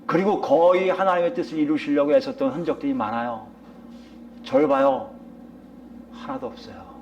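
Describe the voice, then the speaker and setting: High-voiced man preaching a sermon. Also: lively intonation, normal speed, vocal fry, lo-fi sound, a little hiss or hum. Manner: rhetorical questions to the congregation; swings between raised emphatic lines and quiet low asides. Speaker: pastor. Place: church sanctuary.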